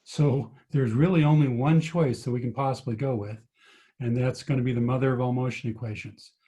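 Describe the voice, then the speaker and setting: A man's voice: medium pitch, steady tone, a little fast, mellow. A man tutoring physics over a video call, patiently explaining each step and asking his students questions. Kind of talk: online tutoring lesson.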